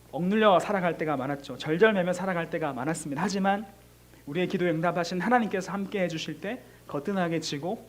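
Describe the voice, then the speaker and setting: A middle-aged man preaching to a middle school youth group, earnest and repetitive, acting out pleading prayers as he speaks. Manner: earnest, repeats phrases, voices pleading prayers with rising pitch; leads the congregation in reading scripture slowly. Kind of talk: sermon.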